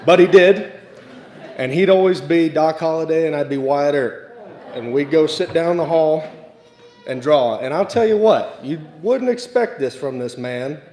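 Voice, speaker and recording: Man reminiscing with relaxed fillers. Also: a little high, a little slow. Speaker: eulogy speaker. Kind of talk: memorial eulogy, casual reminiscing. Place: memorial service room. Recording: echoey livestreamed room.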